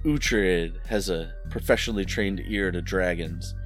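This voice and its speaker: A man's voice: low-pitched, measured pace, soft background music. A man playing a tabletop game, joking and bantering about his character. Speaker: player. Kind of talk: casual tabletop chat.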